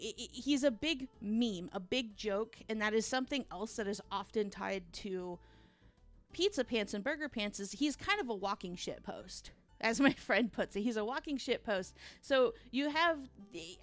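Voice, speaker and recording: A woman with a fairly high voice rants her way through a fan theory over music. She rambles in an animated, informal way, leaning hard on her points and swearing casually. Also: moderate pace. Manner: rambling, animated ranting with emphatic asides and swearing. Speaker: video game fan theorist.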